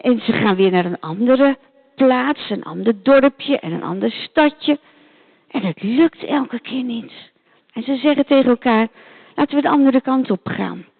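A woman telling a Bible story to children, animated and speaking directly to her listeners, on a tinny phone-like recording. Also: a little high.

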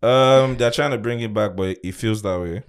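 A man's voice: lowish voice, normal speed, smooth, no echo, clean studio sound. A man co-hosting a podcast, chatting emphatically and repeating his points. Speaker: podcast co-host. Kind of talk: casual chat.

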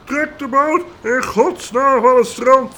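Man doing a roaring boatswain, high, slow and shouted. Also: little pitch movement, slight background noise, exaggerated voice. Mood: bellowing. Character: gruff male boatswain, bellowing orders.

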